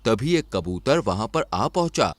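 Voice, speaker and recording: A man's voice: fairly low pitch, a little slow, no room sound. A man narrating a children's cartoon story expressively. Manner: expressive and lively.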